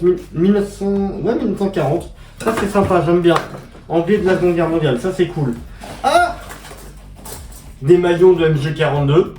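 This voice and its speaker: A man chatting casually as he unboxes parcels, slangy and quick to exclaim at each find. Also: fairly high pitch. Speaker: collector unboxing militaria. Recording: echoey room, mic at a distance, noisy.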